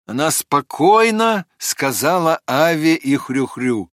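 A man narrating a fairy tale audiobook in an expressive, measured storytelling manner. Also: fairly high pitch, no echo, clean studio sound.

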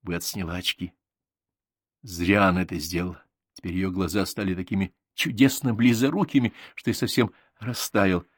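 Man narrating an audiobook, low voice, dry close sound, even storytelling. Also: moderate pace, no echo. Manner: even storytelling, voicing each character.

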